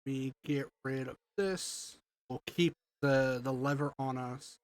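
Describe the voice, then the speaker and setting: Stuffed up from allergies, this man streams himself playing a block-building game and rambles as he thinks through his builds. He speaks at medium pitch in a steady tone and takes his time.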